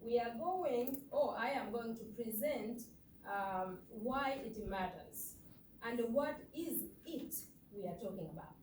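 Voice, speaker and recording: A woman's voice: fairly high pitch, darkish tone, a little hiss or hum. A woman from Uganda with a Ugandan accent, giving an earnest, emphatic conference presentation with rhetorical questions to the audience. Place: lecture hall. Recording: echoey hall, far off.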